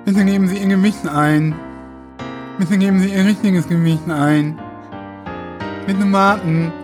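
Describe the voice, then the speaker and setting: A man voicing an automated coin-operated fortune and weighing machine, giving slow, flat, polite commands in a played-in clip. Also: high-pitched. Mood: mechanical. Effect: machine announcement voice played in as a clip. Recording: distant clip over piano music.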